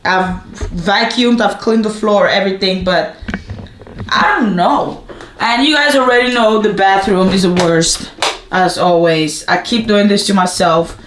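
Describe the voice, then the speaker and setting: In her apartment, a young woman who is a student vlogs casually to the camera, rambling and chatty with plenty of fillers. Her voice is medium-pitched, unhurried, and fairly bright, recorded in an echoey room with a slight hiss or hum.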